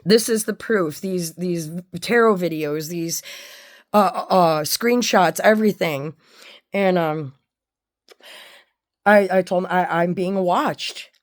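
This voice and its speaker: Woman, lowish pitch, candid personal monologue, blunt, profane, halting delivery, searching for words. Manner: blunt, heavy swearing. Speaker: personal storyteller.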